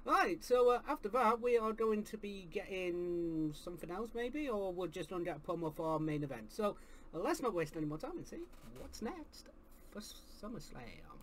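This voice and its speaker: Guy yelling and swearing through a wrestling watch-along, pitch leaping all over. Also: moderate pace, a little hiss or hum. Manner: excitable, heavy swearing, bursts into shouts. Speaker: wrestling show reviewer. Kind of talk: live watch-along commentary.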